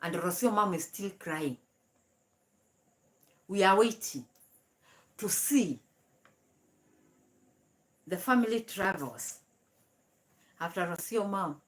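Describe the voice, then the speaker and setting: A woman's voice: medium pitch, expressive, takes it slowly, long pauses. A young woman hosting a live stream, giving mocking commentary and laughing between remarks.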